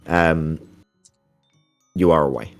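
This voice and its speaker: A man's voice: a bass voice, slow, gravelly, soft background music. A man narrating a tabletop game as its game master.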